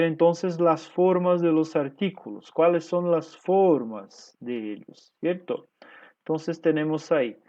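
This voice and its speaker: Brazilian male teacher for a recorded class, slightly high voice, patient explanations with frequent tag questions, dull lo-fi sound. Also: a little mellow. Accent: Brazilian Portuguese. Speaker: Spanish teacher.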